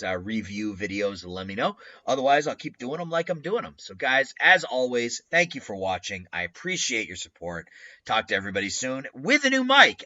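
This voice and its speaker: A man's voice: medium pitch, pushed and bright, no echo. A man hosting a casual game commentary, talking loosely with frequent fillers, his voice sounding tinny like it's in a tin can. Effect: tinny tin-can sound from a poor mic. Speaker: gaming channel host. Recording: dull lo-fi tinny mic, dry.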